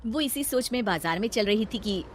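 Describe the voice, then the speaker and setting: A woman narrating a cartoon moral story in an even storytelling manner. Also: mid-range voice, normal speed, a little hiss or hum.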